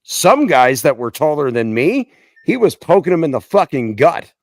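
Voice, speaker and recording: A man's voice: on the high side, normal speed, no room sound, studio quality. A male veteran telling boot camp stories in casual chat, blunt and full of profanity. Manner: heavy profanity, blunt and animated. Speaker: Marine veteran guest.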